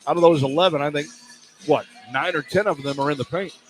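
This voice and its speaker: With a fairly high pitch and a quick pace, this man calls live basketball for radio from courtside in clipped, running phrases. The recording is rough, with music in the background along with clear arena ambience and noise from the live broadcast.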